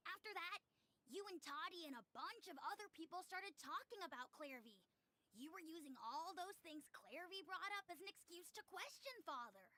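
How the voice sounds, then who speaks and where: A woman voicing a high, scheming boy snitch. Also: expressive, moderate pace, bright, forceful tone, full character voice. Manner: cool, tattling, matter-of-fact. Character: scheming young boy informant.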